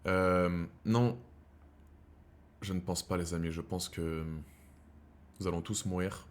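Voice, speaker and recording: Here the thirtysomething streamer speaks slowly, his voice low and steady. He chats casually with viewers he calls brothers, rambling in slang and swinging between heated rants and quiet musing.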